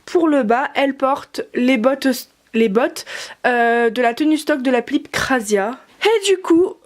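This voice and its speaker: Chatty young woman with a high voice. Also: expressive, unhurried. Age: young adult. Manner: chatty, rambling, many fillers and self-corrections. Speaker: doll collector vlogger. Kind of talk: casual show-and-tell narration.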